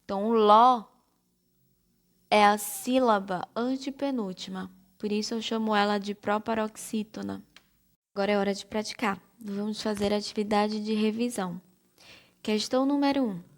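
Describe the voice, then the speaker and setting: A woman teacher with a Brazilian Portuguese accent, giving a slow, careful primary-school lesson and spelling out syllables one by one. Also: mid-range voice, fairly even intonation. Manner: spells out syllables slowly and deliberately.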